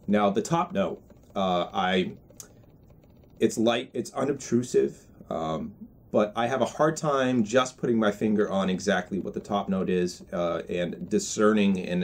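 A man in his twenties giving a casual video review in a measured, hesitant way, pausing to find words. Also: on the low side, darkish tone. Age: 20s. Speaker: product reviewer. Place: indoors in a small room with bookshelves.

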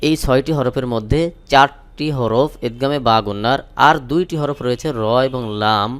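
Guy teaching quran reading, spells it out slow, chants the verses, smooth clear voice. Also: mid-range voice, fairly bright tone. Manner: measured, repeats each syllable, recites verses in a drawn-out chant.

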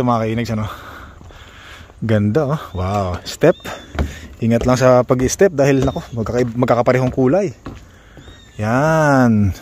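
A man's voice: mid-range voice, darkish tone, a little hiss or hum. A man talking casually to his viewers while walking outdoors by a lake, exclaiming often at the sights. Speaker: vlogger.

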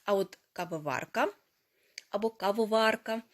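A woman gives a language lesson at a medium pitch. She explains grammar in careful steps. Each foreign word is repeated slowly and distinctly so listeners can follow. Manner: slow, careful pronunciation of foreign words. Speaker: language teacher. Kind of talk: teaching a lesson.

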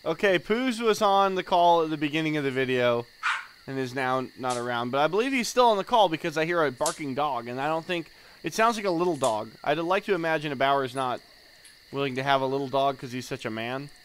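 A man's voice: on the high side, animated, brisk, fairly bright tone. A man chatting playfully and joking as he comments on an online game with his friends. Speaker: let's play co-host. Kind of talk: casual chat and game commentary. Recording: faint noise, insects and game ambience.

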